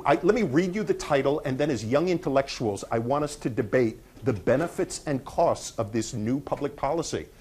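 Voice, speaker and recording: A man's voice: a little high, a little mellow, husky. A man lecturing a university class on economics, joking and teasing his students as he fires questions at them. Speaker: economics professor.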